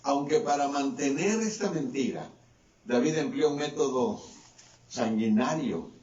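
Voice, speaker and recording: A man's voice: lively intonation, a little slow, darkish tone. A pastor delivers a sermon, his voice climbing and dropping as he preaches. He sounds set back from the microphone in a roomy church hall. The sound is dull and muffled. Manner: preaching with swings between raised and lowered voice. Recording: distant echoey church mic, dull sound.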